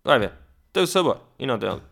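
A man voicing a chatty older male waiter who speaks softly, likes handing out tips, and has a European Portuguese accent. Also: medium pitch, big pitch swings, a little fast, vocal fry, heavily acted. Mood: helpful. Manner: folksy, fond of stock phrases.

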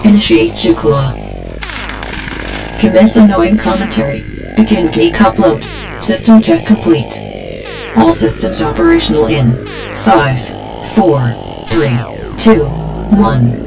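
A performer voicing a robot computer system that boots up with a flat, commanding readout and counts down into a show intro, through a robotic processed effect. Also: medium pitch, slow, gravelly, long pauses, heavily acted, rough recording. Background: electronic synth music.

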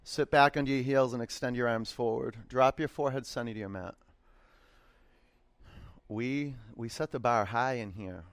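Male yoga instructor, encouraging and unhurried, gentle repeated cues, dry sound. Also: mid-range voice, clean tone, no echo. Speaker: yoga teacher. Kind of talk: guided yoga class instruction.

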